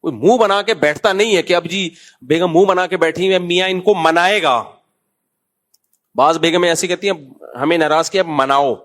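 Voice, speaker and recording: A man with a Pakistani Urdu accent giving an informal sermon, telling anecdotes and gently scolding his listeners in a conversational way. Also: high-pitched. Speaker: mufti giving a religious talk.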